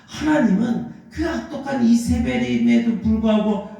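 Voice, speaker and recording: A man's voice: extremely high pitch, big pitch swings, normal speed, gravelly, mellow. A male pastor preaching a Sunday sermon in a church, telling the story and acting out the lines of the figures in it. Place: church sanctuary. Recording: echoey church hall.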